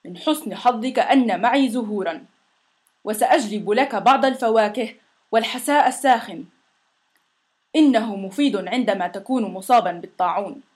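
A woman's voice: on the high side, moderate pace, close to an everyday voice. A woman voicing a big, sulky, sick male monster in a storybook reading, whiny and complaining. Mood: caring, boastful. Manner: whiny and complaining, loud when shouting demands.

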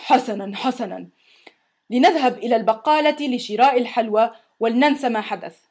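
A woman voicing a mild, weary father in a children's story, speaking calmly and placatingly. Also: a little high, brisk, lightly acted.

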